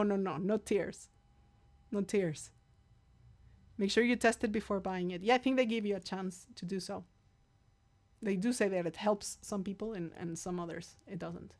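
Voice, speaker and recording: A woman hosts a live stream and chats casually with her viewers. Her voice sits at a middle pitch, and she reads out their comments, thanks people by name and laughs often. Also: darkish tone. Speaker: livestream host and singer.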